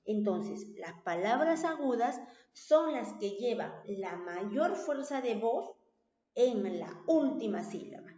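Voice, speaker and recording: A woman's voice: mid-range voice, sing-song, slow pace, dark tone. A woman teacher giving a recorded class, explaining patiently and checking in with tag questions. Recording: roomy, dull lo-fi recording.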